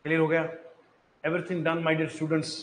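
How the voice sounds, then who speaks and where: A man's voice: fairly high pitch, completely flat delivery, unhurried, echoey room, low-quality recording. A man teaching an online reading lesson, coaxing students to sound out letters, mixing in English phrases. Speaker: Urdu teacher.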